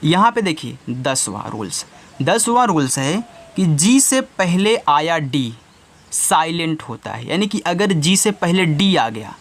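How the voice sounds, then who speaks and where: A man's voice: fairly high pitch, fairly bright tone. A man teaching English spelling rules, asking a question and answering it himself over and over. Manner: repeats questions and answers to drill students. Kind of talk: slow classroom-style lesson.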